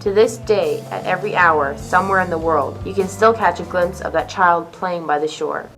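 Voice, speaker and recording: Lady telling a myth, low-ish voice, measured, bit of music under. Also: a bit bright, low-quality recording. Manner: measured, vivid storyteller. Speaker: narrator. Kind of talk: dramatic storytelling narration.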